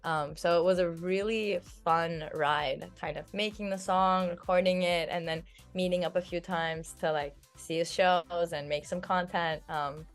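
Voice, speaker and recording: Lower in pitch and steady in tone, the same kind of speaker, a Turkish singer in her twenties, talks unhurriedly with few pauses during a casual interview. Her chatty answers are peppered with "like" and "um," over faint background music.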